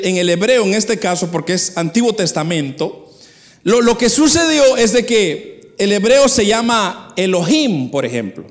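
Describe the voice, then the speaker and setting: A man preaching a sermon, explaining things and addressing the congregation directly, often repeating words as he restarts. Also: sits high.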